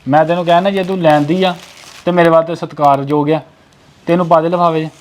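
A man's voice: fairly high pitch, steady tone, a little fast, a little hiss or hum. A man acting as a sulking, demanding brother-in-law in a family short film. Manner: sulky, sharp and demanding.

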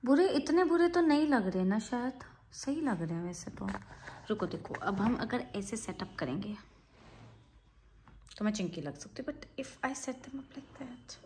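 A woman's voice: a little high, animated, measured pace, a little mellow, a little hiss or hum. Chatty young woman vlogging at home. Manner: chatty, mixing Hindi and English, swings from playful to anxious muttering. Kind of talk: casual self-filmed vlog. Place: home room.

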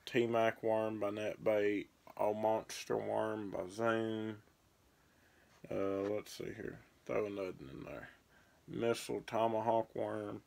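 With plastic bait bags crinkling behind him, a young fishing vlogger does a relaxed, rambling run through his tackle, listing baits while handling them. He takes it slowly in a low, slightly mellow voice with vocal fry and little pitch movement. The clip was shot on a phone at arm's length in a small bedroom.

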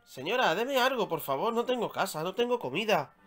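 Brief: man voicing a cheeky begging boy, high and childlike, faint music bed. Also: very animated, brisk, fairly bright tone. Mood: pleading. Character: poor, bold street boy begging, cheeky.

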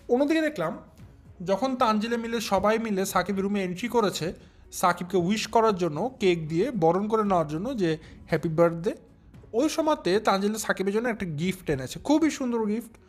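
High-voiced young man, mocking commentary. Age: young adult. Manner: drawn-out emphatic stresses, mocking. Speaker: commentary channel host. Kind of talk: casual commentary vlog addressing viewers.

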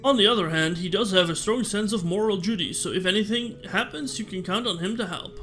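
A man reading aloud the lines of a calm, wise old male rock creature elder from a video game. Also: high voice, a little fast, faint music behind. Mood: explaining.

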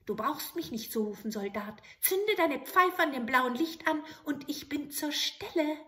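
A woman voicing a small grey magic man who eagerly serves, talking quickly. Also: lively intonation, fairly bright tone. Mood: obliging. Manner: quick, obliging, higher than the narrator.

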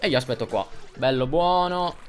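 A young man doing gameplay commentary, excitable, repeating himself and yelping when things go wrong. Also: mid-range voice, normal speed, faint music behind. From Italy. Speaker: gaming youtuber.

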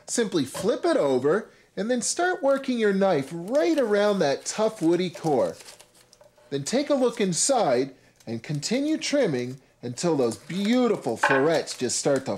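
This thirtysomething cooking-show host works from a home kitchen and a supermarket, walking viewers through each step of the script in a cheerful, teaching style spiced with playful asides. His voice runs on the high side with a darkish tone, and there's slight background noise.

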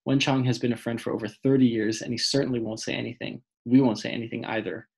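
A man reading as a firm, steady grandmother. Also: mid-range voice, quick pace, creaky, husky. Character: older woman, a firm, tearful grandmother. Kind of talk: audiobook reading.

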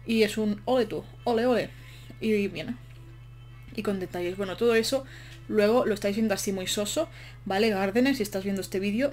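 A game build commentator, she talks in a medium-pitched, slightly mellow voice during casual voice-over of her building. She's chatty and rambling, a bit out of breath, and keeps making jokes at her own expense.

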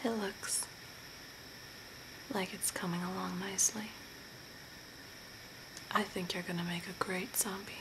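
A young woman's slow, deliberate ASMR whisper brings to life an eerie but soothing zombie-makeover artist. Her voice is mid-range, steady and natural, and the mood is hushed, eerie and spooky. She sits in a small home room near a window with a camera close at arm's length, and the home recording carries noise and ambience.

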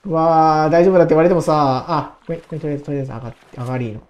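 A woman in her twenties giving casual gameplay commentary, excitable and talking to herself, repeating words in quick bursts. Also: low voice, lo-fi sound. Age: 20s. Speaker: gaming YouTuber.

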